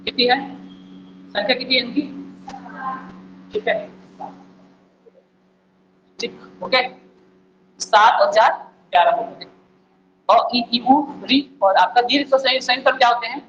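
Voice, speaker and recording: A male teacher giving an exam-prep lecture, repeating key points and firing quick questions at the listeners. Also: very high voice, a bit bright, muffled recording. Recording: echoey room, faint background noise.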